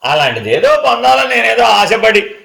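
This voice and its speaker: A man teaches Vedanta in a fairly high, gravelly voice. He chants verses slowly and answers his own questions, and his voice rings through an echoey hall. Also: sing-song, bright, forceful tone. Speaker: spiritual teacher. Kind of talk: Vedanta discourse.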